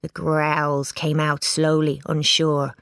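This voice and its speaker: A woman reading a children's storybook aloud, giving it lively expression. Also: sits low, takes it slowly, vocal fry, dry recording, studio quality. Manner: lively character voices, plain narration. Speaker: audiobook reader. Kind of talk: storybook narration.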